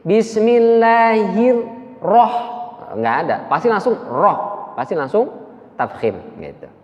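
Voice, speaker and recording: A man teaching Quran recitation to a mosque congregation, explaining slowly and demonstrating the sounds himself. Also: medium pitch, wildly swooping pitch. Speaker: preacher. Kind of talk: tajwid lesson to a mosque congregation. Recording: dull sound with long hall reverb.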